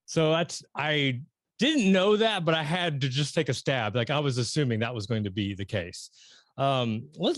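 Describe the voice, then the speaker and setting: A middle-aged man hosting an interview, talking casually and rambling with many restarts and excited emphasis. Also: mid-range voice, no room sound, clean studio sound. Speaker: podcast host interviewing a guest.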